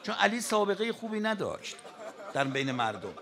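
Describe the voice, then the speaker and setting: A man preaching a mourning sermon to a crowd, impassioned, moving between shouting and hushed speech. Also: high-pitched, sing-song, vocal fry. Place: mosque hall with a mourning crowd. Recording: crowd noise behind the voice.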